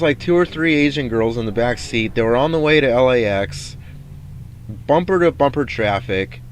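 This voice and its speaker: A man's voice: mid-range voice, clean tone, no echo. A man venting in a rambling vlog monologue, frustrated, swearing and restarting his sentences. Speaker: vlogger.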